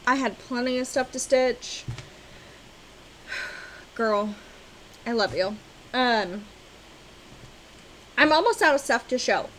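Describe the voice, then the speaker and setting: A woman vlogging about cross-stitch, chatting casually to camera and gushing with excitement, now and then breaking into loud exclamations. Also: a little high, slow, long pauses, a little hiss or hum, poor audio. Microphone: on-camera mic, seated at desk with ring light.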